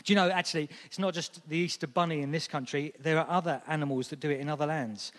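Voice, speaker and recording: A man in his thirties preaching a sermon in a church, chatty and lively with friendly asides. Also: a little high, fast talker. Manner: lively, conversational, with asides and light laughs. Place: church hall. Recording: long echo of a church hall.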